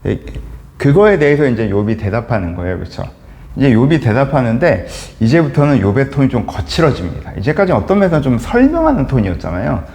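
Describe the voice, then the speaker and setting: A pastor from Korea teaching a Bible chapter in a conversational way, often asking listeners for agreement with tag questions. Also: male voice, medium pitch, fast. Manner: acts out quoted speech with lively shifts.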